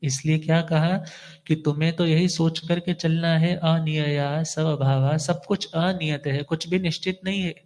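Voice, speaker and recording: Higher-voiced monk teaching a sermon. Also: male voice, steady tone, a little slow, darkish tone. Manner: teacherly, asks questions and answers them himself. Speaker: Jain monk giving a discourse. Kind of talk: devotional sermon.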